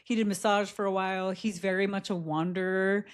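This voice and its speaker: A woman's voice: medium pitch, fairly even intonation, fairly quick, smooth. A woman co-hosting a podcast, telling a personal story in a candid, reflective way, with frequent laughs and fillers. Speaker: podcast co-host. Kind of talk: casual chat, personal storytelling.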